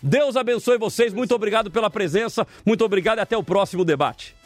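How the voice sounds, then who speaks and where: A man, a pastor hosting a debate show, telling stories and exhorting listeners in an animated, emphatic preaching style. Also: sits high, fast talker, dry recording, soft background music.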